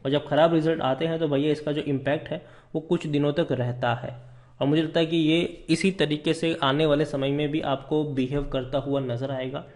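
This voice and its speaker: Chatty male stock commentator, mellow tone. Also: a little high, steady tone, moderate pace. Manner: conversational, repeats words for emphasis, calls viewers brother. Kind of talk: casual stock analysis over screen charts.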